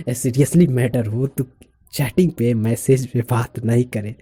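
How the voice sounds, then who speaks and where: A man's voice: medium pitch, fairly even intonation, unhurried, warm tone, slightly rough. A man talking casually to his viewers, explaining a point with spoken examples and laughing now and then. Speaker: vlogger.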